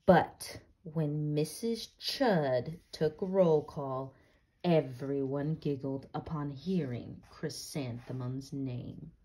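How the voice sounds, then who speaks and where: Female storybook reader, slightly low voice, very unhurried, deliberate, asks gentle questions. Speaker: read-aloud reader. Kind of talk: storybook read-aloud with casual chat.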